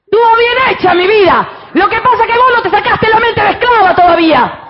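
A woman pastor with a Rioplatense Spanish accent preaching a fervent sermon, switching between shouted exclamations and quiet, intimate counsel. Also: very high-pitched, animated, brisk, dull audio, heavy background noise.

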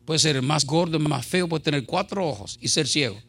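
A man's voice: a little high, expressive, brisk, fairly bright tone. A middle-aged male pastor preaching a sermon in an impassioned, conversational way, full of rhetorical questions.

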